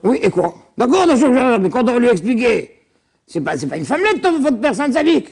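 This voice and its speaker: A middle-aged male rabbi giving a lively Torah class, questioning his students and acting out biblical dialogue. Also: extremely high pitch, fairly quick, creaky, slightly rough. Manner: animated, questioning the audience, acts out biblical dialogue.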